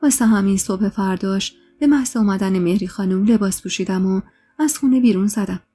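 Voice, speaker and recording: A woman's voice: warm tone, breathy edge, faint music behind. A woman reading a true-life story aloud as a narrator, giving the characters' lines more emotion than her narration. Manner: voices the characters' lines with raised pitch and emotion.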